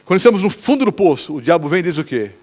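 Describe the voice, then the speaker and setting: A Brazilian man preaches in church with a fairly high, very lively voice. He is animated and keeps throwing questions at the congregation. His Brazilian Portuguese accent is clear throughout. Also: very fast. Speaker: pastor. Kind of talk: sermon.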